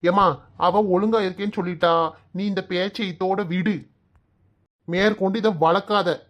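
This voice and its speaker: A woman's voice: medium pitch, fairly even intonation, normal speed, lo-fi sound, voice pushed down, lightly acted. A woman voicing an exasperated young husband caught between his family in a comic cartoon, with a Kanyakumari Tamil accent, arguing and pleading.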